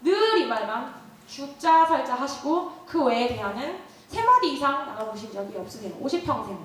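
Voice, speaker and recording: Sing-song and high, a young woman's fairly bright voice moves at a moderate pace as she preaches. She shares a personal story, laughs, and asks the congregation questions, all recorded from afar in a heavily echoing hall.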